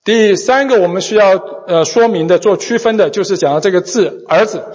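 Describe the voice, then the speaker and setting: Brisk and high-pitched, with a darkish, slightly rough tone, a man translates a sermon one phrase at a time. He stumbles, fills pauses and starts over often, all captured in a dull recording inside a big, echoing hall.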